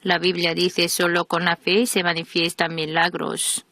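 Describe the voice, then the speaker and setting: A woman reading a sermon as a voice-over in a steady, measured preaching manner. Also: lowish voice, no echo. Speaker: voice-over reader of a translated sermon.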